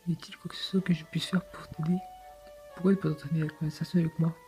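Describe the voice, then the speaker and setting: A man's voice: fairly high pitch, little pitch movement, fast talker, dark tone, faint music behind, lightly acted. A man voicing a polite young prince hero while reading game dialogue aloud, in an earnest, courteous tone.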